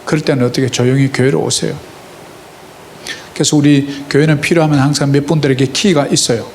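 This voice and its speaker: A man's voice: medium pitch, steady tone, a little fast, a little hiss or hum. A man preaching a sermon as a pastor, asking the congregation questions and acting out heartfelt prayers. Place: church sanctuary.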